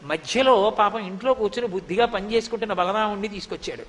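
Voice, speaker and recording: A male preacher telling devotional stories in an animated, lively way. His voice is very high and bright. A long hall reverb follows each phrase. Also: fast. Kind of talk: devotional storytelling discourse.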